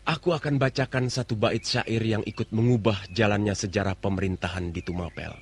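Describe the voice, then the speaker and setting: Husky, worldly, poetic elder brother. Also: male voice, fairly low pitch, steady tone, brisk. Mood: poetic, lecturing. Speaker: radio drama actor. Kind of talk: old radio drama acting.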